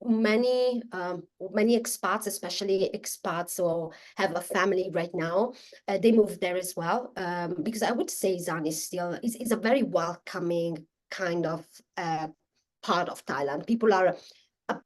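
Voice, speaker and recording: Interview guest: woman, lower voice, hesitant and chatty. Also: normal speed, a little mellow. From Italy. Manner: hesitant, many restarts and fillers. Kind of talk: casual interview talk.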